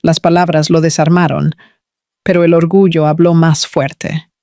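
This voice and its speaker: A man narrating a scripted romance story in an even, measured way. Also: a little high.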